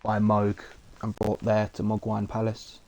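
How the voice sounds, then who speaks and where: Flat-voiced man rambling over gameplay. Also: on the low side, measured pace, gravelly, noisy background. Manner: rambling, relaxed, many fillers. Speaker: streamer. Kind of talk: casual gameplay commentary.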